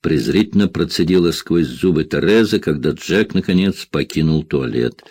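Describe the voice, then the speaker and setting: A man narrating a thriller audiobook in a steady, measured reading. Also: very deep voice, husky, dry recording.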